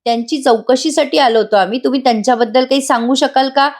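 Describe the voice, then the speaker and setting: A woman's voice: high-pitched, quick pace, voice pushed up. A woman reading out the lines of male police officers, formal and questioning.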